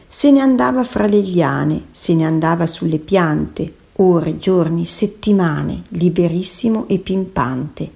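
A woman's voice: lowish voice, takes it slowly, vocal fry, hardly any pauses, warm tone. A woman narrating a rhyming children's story in a sing-song cadence, speaking to the children listening.

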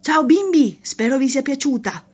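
A woman reading a children's story aloud in a gentle, expressive way. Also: sits high, moderate pace.

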